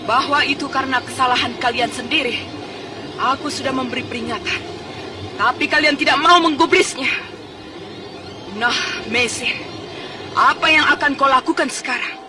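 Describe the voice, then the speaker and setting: A woman's voice: high voice, heavy background noise, natural voice. A woman playing a fierce, vengeful warrior villain in a radio drama, taunting and commanding. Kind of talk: Indonesian radio drama acting. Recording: distant radio drama sound with music.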